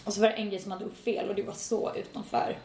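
A woman's voice: mid-range voice, flat delivery, darkish tone, a little hiss or hum. A young woman in her twenties chatting casually as a podcast co-host, telling stories animatedly and acting out quoted dialogue. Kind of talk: casual chat. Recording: echoey room.

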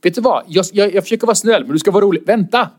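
A man, a comedian, telling an anecdote in casual chat and acting out quotes with sudden high-pitched outbursts. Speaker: comedian guest.

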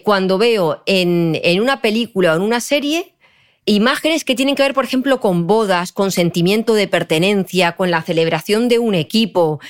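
Woman, psychologist guest; mid-pitched, expressive, explanatory. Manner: explanatory, expressive, checks in with "vale". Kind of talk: podcast interview conversation.

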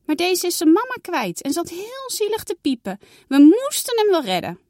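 A woman voicing Janna, a soft-hearted, excitable little girl in a read-aloud storybook, speaking in an excited, pleading way. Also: very high-pitched, normal speed, dry recording, clean studio sound, voice pushed up, full character voice.

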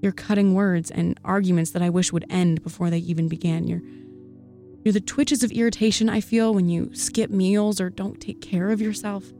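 A woman giving an earnest spoken-word poetry reading in a soft, intimate voice. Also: mid-range voice, flat delivery, normal speed. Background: faint background music.

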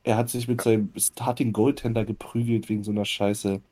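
Male co-host, low mellow voice, blunt and outspoken, casual podcast talk. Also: little pitch movement, fairly quick. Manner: blunt, opinionated, swears freely.

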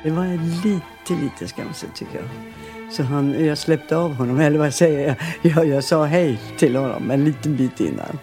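Faint music sits behind a low-pitched older woman, a singer from Skåne in southern Sweden. In this interview she tells casual, rambling stories with a talkative, lively manner and an easy laugh.

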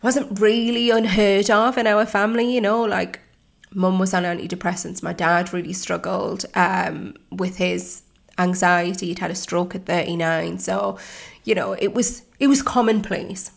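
A woman's voice: mid-range voice, fairly even intonation, moderate pace, creaky. A woman in her thirties, a life coach hosting a podcast, telling her own story in a candid, reflective way with many fillers and restarts.

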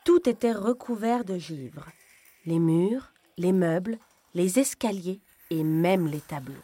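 A woman reading a fairy tale aloud in a calm, expressive storytelling voice. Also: on the low side, slow, dry recording.

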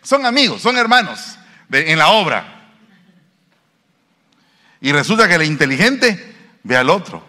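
A man's voice: fairly high pitch, sing-song, unhurried, pauses often, sharp tone. A male pastor, preaching a sermon and putting questions to the congregation. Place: church. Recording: reverberant church hall.

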